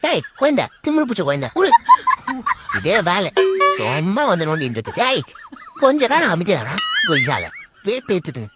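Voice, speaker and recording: Scolding woman, actress, lively swooping pitch, exasperated. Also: normal speed. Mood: irritated. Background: loud music.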